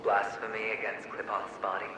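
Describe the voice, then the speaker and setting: Playing the taunting inner double of a young man, an actor uses a fairly low pitch, a completely flat delivery and a moderate pace, sometimes sliding into hissed whispers. His voice echoes heavily and sounds far away over game ambience noise.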